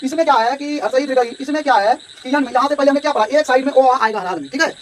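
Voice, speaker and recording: Guy teaching grammar super fast, keeps checking "theek hai", sounds far from the mic w/ faint noise. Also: very high-pitched. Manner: explanatory, repeats "ठीक है" and addresses students directly. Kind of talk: whiteboard grammar lesson.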